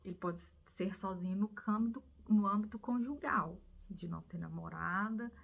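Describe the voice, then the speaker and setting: A Brazilian woman vlogging, telling viewers a personal story in an animated, confiding way that now and then drops to a whisper. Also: medium pitch, moderate pace, vocal fry. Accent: Brazilian Portuguese.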